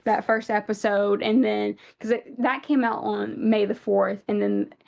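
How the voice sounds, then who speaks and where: Co-hosting a fan podcast, a young woman with a Southern American accent chats and meanders, leaning heavily on fillers. Her mid-range, darkish voice is creaky and unhurried, with fairly even intonation.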